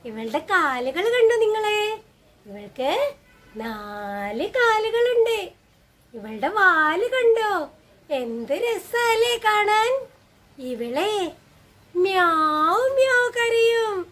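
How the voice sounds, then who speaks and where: Sing-song high-voiced woman teacher. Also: big pitch swings, fairly bright tone. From Kerala, India. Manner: slow, sing-song, coaxing questions to children. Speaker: special-needs teacher. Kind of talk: online class for young children.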